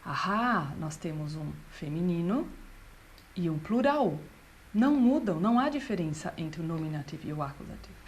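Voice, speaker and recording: A woman, a language teacher patiently explaining grammar and slowing down to read out example sentences. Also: lowish voice, big pitch swings, a little hiss or hum. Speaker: German teacher.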